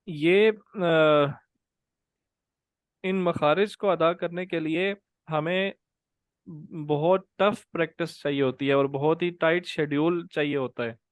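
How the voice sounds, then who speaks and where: A man's voice: on the high side, fairly even intonation, clean tone, dry recording, studio quality. A young man teaching an online Quran tajweed class, patiently drilling letter sounds and calling on students by name over a video call. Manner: drawn-out demonstrated letter sounds.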